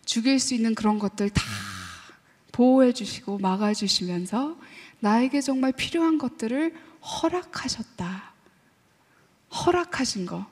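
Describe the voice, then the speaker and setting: A woman professor giving a lively sermon-style talk to a church audience, mixing English phrases into her speech and asking the audience questions. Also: on the high side, measured pace, slightly rough. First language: Korean heritage, also fluent in English. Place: church hall. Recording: long reverb of a large hall.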